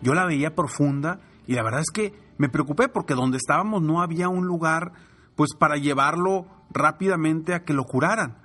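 A man's voice: on the high side, moderate pace, sharp tone, breathy edge. A man with a Mexican Spanish accent, in his thirties, giving a motivational talk on leadership through a family story and acting out the voices in it. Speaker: leadership speaker.

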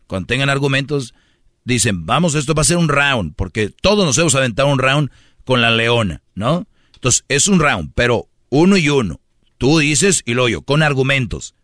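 A man's voice: medium pitch, big pitch swings, moderate pace, a bit bright, no echo. A man hosting a radio show, talking firmly and lecturing his co-host in casual banter. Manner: firm, lecturing, teasing.

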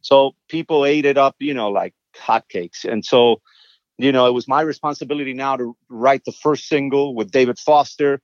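A man, a songwriter, telling stories animatedly in a casual interview, often repeating words as he gets excited. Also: mid-range voice, normal speed, no room sound, highs cut off. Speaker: songwriter and guest.

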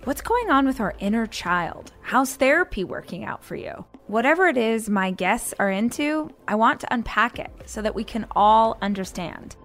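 A woman's voice: medium pitch, a bit bright. A woman podcast host delivering a scripted show introduction in a direct, conversational way. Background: faint music.

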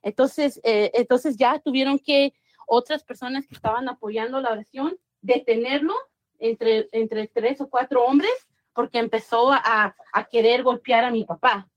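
Woman, higher pitch, dry recording, chatty storytelling, many restarts. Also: fairly even intonation, unhurried, no echo. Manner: mixes English words into Spanish, many restarts. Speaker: guest. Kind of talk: casual storytelling interview.

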